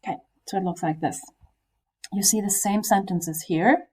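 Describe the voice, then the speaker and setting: Husky woman teacher explaining a lesson. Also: medium pitch, normal speed, a little mellow. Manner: explains with frequent fillers and rhetorical questions. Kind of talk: recorded classroom lesson.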